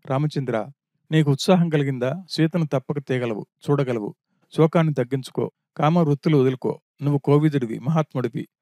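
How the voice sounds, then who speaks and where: A man's voice: mid-range voice, warm tone, no echo, clean studio sound, natural voice. A man voicing a loyal younger brother who earnestly urges his grieving elder brother to take courage. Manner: earnest, exhorting.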